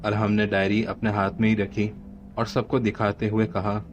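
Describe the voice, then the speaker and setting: A man with a Pakistani Urdu accent narrating a horror story in a steady storytelling voice. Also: lowish voice, moderate pace. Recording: dull lo-fi audio with faint hiss.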